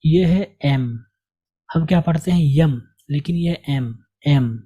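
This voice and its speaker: Slow, patient man teaching letters. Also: a little high, warm tone, breathy edge. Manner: patient, repeats and asks questions to the learner. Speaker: English teacher. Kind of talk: slow spoken lesson.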